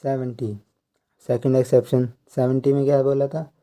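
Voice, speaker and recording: A man giving a slow tutorial, counting out numbers one by one and explaining how each is read. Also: mid-range voice, little pitch movement, dark tone. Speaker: language teacher.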